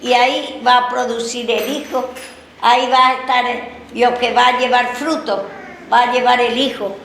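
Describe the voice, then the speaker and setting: A woman pastor, preaching a sermon slowly and repetitively, often pausing on fillers. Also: a little high, steady tone, fairly bright tone. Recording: echoey room with faint background noise.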